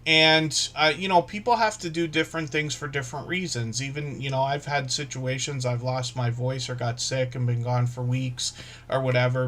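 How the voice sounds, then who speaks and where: Hosting a livestream aimed at small creators, a man rambles casually and at length, full of fillers, restarts, and self-corrections. His voice is mid-range and fairly bright.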